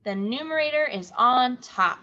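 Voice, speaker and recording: A woman teaching third graders in an online lesson, speaking slowly and clearly and repeating key words for the children. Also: high-pitched, lively intonation, sharp tone. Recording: dull lo-fi audio.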